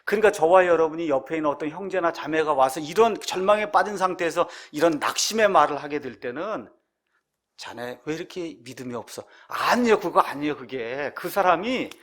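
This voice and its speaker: A middle-aged man preaches a sermon in a slightly high voice. He keeps asking his listeners rhetorical questions and acts out the cries of someone in despair. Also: a bit bright. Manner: rhetorical questions to the congregation, acting out anguished prayers. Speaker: pastor. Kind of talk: expository sermon.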